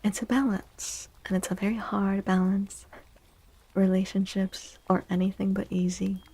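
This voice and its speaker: A woman hosts a tarot-reading livestream in a soft, near-whispered ASMR style, close to the mic, gentle and reassuring. Her medium-pitched voice has a breathy edge and flat delivery at normal speed, and the recording is rough.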